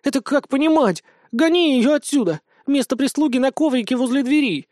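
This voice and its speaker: A man's voice: high-pitched, lively intonation, fairly quick, mellow, no room sound, studio quality. A man voicing a proud, possessive female wolf goddess in an audiobook, haughty and jealous. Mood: indignant.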